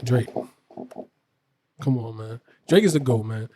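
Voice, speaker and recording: A man's voice: mid-range voice, measured pace, warm tone. A young man hosting a casual podcast, joking around with his friends. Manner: playful, introduces the show and jokes with friends. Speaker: podcast host. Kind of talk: casual chat.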